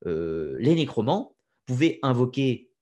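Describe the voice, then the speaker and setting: A man giving a casual lecture on occult history, chatty and opinionated, often pausing with fillers and adding asides. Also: mid-range voice, very animated, a little mellow.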